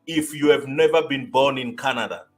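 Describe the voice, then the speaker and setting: A man's voice: medium pitch, moderate pace, faint music behind. A man hosting a casual interview over a video call, rambling with a lot of "you know" and repeated "wow". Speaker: host.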